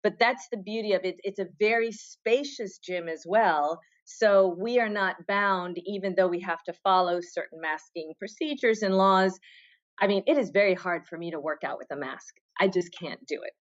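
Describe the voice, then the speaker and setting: A middle-aged woman talks casually as a podcast guest at a medium pitch, winding through personal stories with restarts and asides. The audio is slightly dull and lo-fi. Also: moderate pace. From Argentina. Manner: storytelling, with restarts and trailing asides. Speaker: podcast guest, fitness competitor. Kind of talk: casual interview chat.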